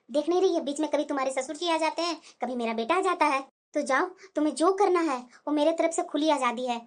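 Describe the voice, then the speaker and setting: Woman with a very high voice carrying a cartoon family story, voicing both women, expressive. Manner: expressive, switching between two figures. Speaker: voice actor voicing mother-in-law and daughter-in-law.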